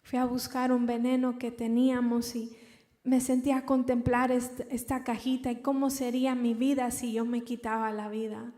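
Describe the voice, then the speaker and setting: A young woman giving an emotional personal testimony in church, halting and repeating words as she recounts. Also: a little high, flat delivery, dark tone. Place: large church hall. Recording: reverberant church hall.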